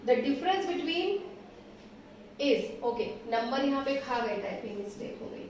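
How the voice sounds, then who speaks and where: A woman math teacher explaining solutions step by step, patient and reassuring, slowing down as she writes. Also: high voice, animated, a little mellow, a little hiss or hum. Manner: patient, reassuring, slows down while writing. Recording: echoey room, voice from a distance.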